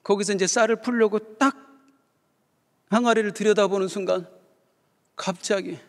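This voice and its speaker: A man's voice: high voice, fairly even intonation, normal speed, long reverb tail. A male pastor preaching a sermon, telling a story and building up fervent rhetorical questions. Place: church sanctuary.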